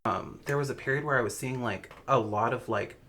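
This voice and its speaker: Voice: mid-range voice, fairly quick, a bit bright. A participant in a group session casually describing impressions, searching for words and often saying "like". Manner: hesitant, searching for words, frequent "like". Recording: noisy room with ambience.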